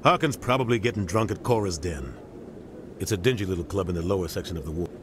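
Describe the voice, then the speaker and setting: A man with a low, expressive voice talks fast, playing a middle-aged navy captain in a video game cutscene. His acting is grave, embittered and emphatic, yet matter-of-fact in mood, with music behind the game dialogue and a noisy background.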